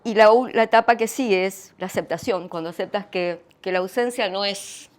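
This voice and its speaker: Middle-aged Argentine woman, church testimony, earnest and reflective, halting with many restarts. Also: medium pitch. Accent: Argentine Spanish. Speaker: guest speaker sharing testimony.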